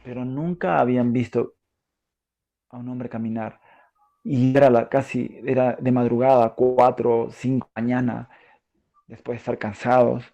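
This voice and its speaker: A man with a Peruvian Spanish accent preaching a sermon in a conversational way, asking his listeners questions and often pausing with fillers. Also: medium pitch, fairly even intonation, creaky, dark tone. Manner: conversational, asks the audience questions, frequent fillers.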